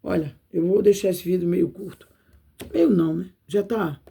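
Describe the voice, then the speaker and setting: A Brazilian woman preaching in a casual, homespun way, her voice gravelly with vocal fry and a husky edge. She talks straight to the listener and keeps tossing in little tag questions to make sure they follow. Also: lowish voice, normal speed, dark tone. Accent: Brazilian Portuguese. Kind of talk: informal video sermon.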